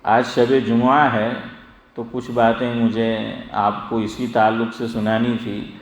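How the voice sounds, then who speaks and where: A middle-aged religious scholar giving a sermon-style lesson, quizzing his listeners and calling on them by name as he slowly drills pronunciation. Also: mid-range voice, flat delivery. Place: gathering hall, evening assembly. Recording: echoey hall with long reverb.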